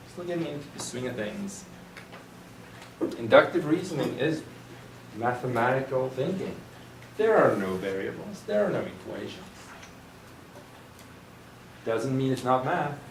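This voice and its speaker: A man's voice: mid-range voice, recorded from a distance, a little hiss or hum. Math instructor, male, patient examples, lecture-room echo, mic set back from him. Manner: explains patiently with examples, trails off and restarts. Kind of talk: recorded classroom lecture.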